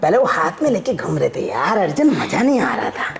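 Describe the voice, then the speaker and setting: A vlogging father with a rather high voice that swoops wildly in pitch talks a little fast while tackling a hands-on project. He keeps things informal and explanatory, with clear background music behind him.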